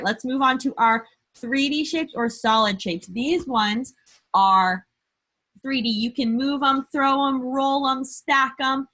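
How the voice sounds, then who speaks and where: A woman's voice: on the high side, sharp tone. A young woman teaching young children remotely, asking simple questions patiently and stressing key words, as if talking to a toddler. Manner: emphatic, sounding out key words slowly. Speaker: early-grade teacher. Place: indoor room, screen-share lesson.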